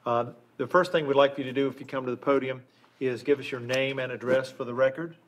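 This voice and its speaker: A man's voice: mid-range voice, steady tone, quick pace. An older man chairs a board meeting from a council dais, speaking at a desk microphone. His tone is courteous and procedural, and his sentences are broken up by fillers and restarts. A faint hiss sits under the recording.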